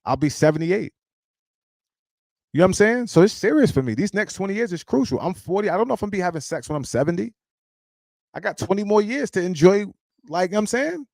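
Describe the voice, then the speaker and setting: A man's voice: high-pitched, animated, quick pace, gravelly, pauses often, a little mellow, no room sound. A man in his late thirties hosting a live stream, giving casual life advice in a blunt, emphatic, preachy way and swearing freely. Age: 30s.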